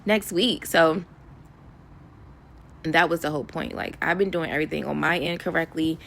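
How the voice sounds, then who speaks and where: A young woman speaks straight to her viewers in a loose, rambling vlog, stressed and near tears. Her voice sits low with a gravelly edge. A faint background hiss runs under it. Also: normal speed, fairly bright tone. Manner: candid, talks to viewers as "y'all", rambling with fillers. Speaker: vlogger. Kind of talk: emotional personal vlog.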